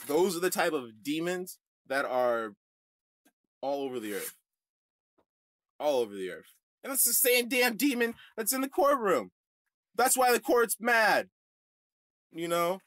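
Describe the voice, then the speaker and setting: A man hosting a religious online show, ranting to his viewers in a combative way that swings from shouting to muttering. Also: on the high side, expressive, a little slow, long pauses, no echo. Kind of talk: heated livestream rant to viewers.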